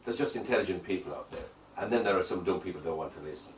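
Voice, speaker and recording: Low, expressive, and fast, this man's voice belongs to a hypnotherapist answering interview questions. He states things emphatically and repeats phrases for weight, while the echoey room and distant mic leave a faint layer of noise.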